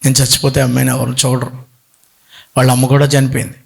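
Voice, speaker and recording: A man voicing a poor, weeping father who pleads tearfully for his life, first softly and then shouting. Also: medium pitch, monotone, quick pace, creaky, slightly rough, pitched below the performer's own voice.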